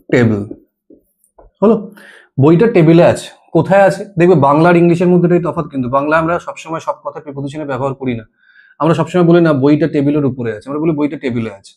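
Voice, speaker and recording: A middle-aged man leads an exam-prep grammar lesson, his voice sitting a little high for a man. He explains patiently, step by step, and keeps checking with his students whether they follow. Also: darkish tone. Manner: explains step by step, asks "ঠিক আছে?" often. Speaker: teacher.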